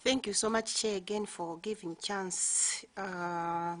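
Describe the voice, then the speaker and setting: A woman's voice: mid-range voice, fairly even intonation, slow pace, fairly bright tone. A Malawian woman speaking as a committee member, asking formal questions at a hearing in a courteous, deferential way.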